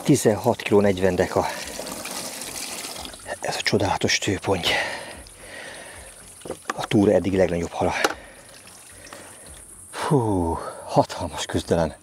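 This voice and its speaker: A man fishing outdoors by a river, giving vlog commentary with excited exclamations as he fights a fish. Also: low-pitched, long pauses. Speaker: angler. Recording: outdoor noise with crickets and insects.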